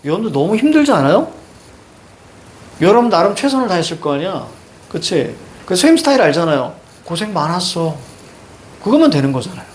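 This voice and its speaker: A male teacher lecturing his class on a novel, chatty and animated, talking straight to the students. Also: sits high, quick pace.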